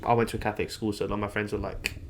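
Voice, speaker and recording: A young man speaks in a fairly low voice. He chats informally and a little haltingly, often rephrasing as he goes. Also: flat delivery, slight background noise. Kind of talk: casual chat.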